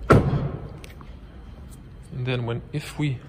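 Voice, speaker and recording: A young man whose first language is Croatian, giving a casual walkaround car review in a showroom, talking haltingly with many fillers into a handheld camera. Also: mid-range voice, fairly even intonation, heavy background noise. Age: young adult. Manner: halting, many fillers, non-native phrasing. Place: car dealership showroom, inside a car. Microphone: handheld camera close to face.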